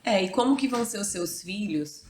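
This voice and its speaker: A woman in her thirties, a mother, speaks reflectively in a casual chat, becoming animated whenever she quotes other people. Her mid-range voice moves at a moderate pace. The room is echoey, with slight background noise.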